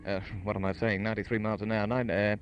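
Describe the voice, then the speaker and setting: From trackside at a motor racing circuit, a radio sports broadcaster gives formal, hesitant live commentary and interviews in 1950s radio style. His fairly low voice is flat and fast, muffled in a noisy 1958 outdoor broadcast full of racing cars and engine noise.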